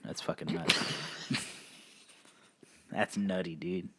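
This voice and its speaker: A man's voice: deep voice, steady tone, takes it slowly, fairly bright tone, a little hiss or hum. A man in his twenties co-hosting a podcast in casual chat, laughing easily and repeating his favorite phrases. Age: 20s. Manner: laid-back, laughs often, repeats "that's nuts". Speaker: podcast co-host.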